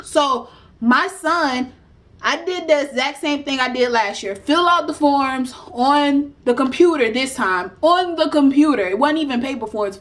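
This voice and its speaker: A young woman, casually telling a story to her vlog audience and acting out what people said. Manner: animated retelling, acts out quotes with rising pitch. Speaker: vlogger.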